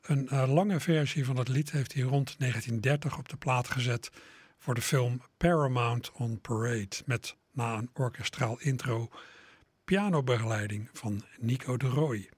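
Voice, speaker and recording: Brief: male radio host, husky voice, dry close sound, easygoing and a little hesitant. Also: medium pitch, unhurried, no room sound. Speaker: radio presenter. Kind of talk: radio music programme presentation.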